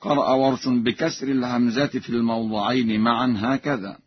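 A man teaching Quran recitation on the radio, explaining slowly and chanting verses in a drawn-out way. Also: medium pitch, steady tone, slightly rough. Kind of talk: radio lesson with chanted examples. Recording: muffled lo-fi radio recording.

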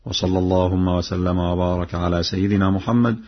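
A man teaching the variant readings of Quran verses in a measured explanatory style, now and then chanting examples slowly. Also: low voice, fairly even intonation, muffled recording.

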